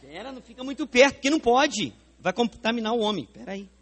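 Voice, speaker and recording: A man's voice: very high voice, fast talker. A man with a Brazilian Portuguese accent, preaching a sermon in a church, staging a live demonstration and putting questions straight to the congregation. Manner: animated, questions the congregation directly. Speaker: pastor preaching. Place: church sanctuary.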